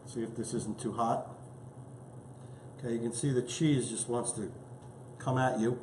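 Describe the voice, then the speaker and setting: Male cooking host, chatty and eager, average pitch, roomy kitchen sound. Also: steady tone, unhurried, a little mellow, slight background noise. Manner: enthusiastic, chatty, tasting food as he talks. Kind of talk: casual cooking show.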